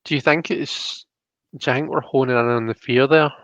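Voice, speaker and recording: A Scottish host and tarot card reader gives a casual reading, thinking aloud and often checking in with "you know" and "do you know what I mean." His mid-range, slightly bright voice moves at a moderate pace with fairly even intonation, in a dry recording with the highs cut off.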